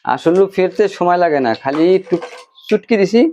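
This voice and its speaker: A man's voice: high voice, a little fast, dark tone, slight background noise. A man playing a mocking, dismissive husband in a family quarrel skit. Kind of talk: acted domestic quarrel skit. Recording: dull lo-fi sound.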